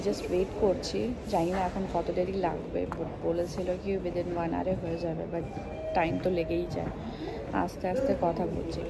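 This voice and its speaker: A woman's voice: fairly low pitch, vocal fry, very noisy. A woman and mother vlogging in casual chat, talking straight to her viewers.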